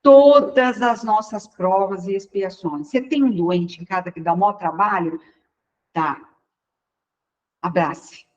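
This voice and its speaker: A woman with a Brazilian Portuguese accent gives a relaxed spiritual lecture, speaking directly to her listeners. She slips into bits of acted dialogue. The recording is slightly dull and lo-fi. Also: mid-range voice, takes it slowly. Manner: chatty, acts out everyday dialogue and addresses the audience directly.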